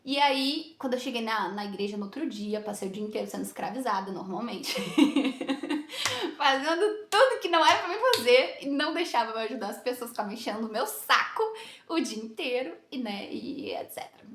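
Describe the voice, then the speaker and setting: Lively high-voiced woman vlogger. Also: normal speed. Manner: lively, laughs often, acts out quotes. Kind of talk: casual storytelling to camera. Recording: echoey room.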